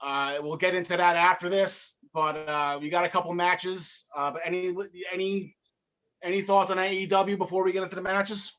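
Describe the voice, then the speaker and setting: With an excitable rush and repeated stumbles, a North Jersey co-host talks wrestling on a casual podcast, sharing what he thought of the show. His pitch is high and his tone bright and edgy, while the recording comes across muffled and lo-fi.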